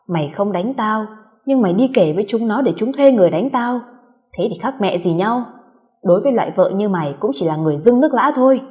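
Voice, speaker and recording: A woman's voice: mid-range voice, a little mellow, natural voice. A woman voicing a brutal young husband who hurls harsh, scornful insults at his wife. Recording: long hall reverb.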